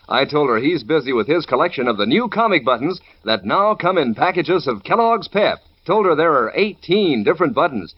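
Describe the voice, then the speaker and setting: An American man delivering a chatty, folksy 1940s radio advertisement as the sponsor's announcer. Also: a little high. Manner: chatty, salesmanlike. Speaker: commercial announcer. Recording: dull old radio broadcast recording.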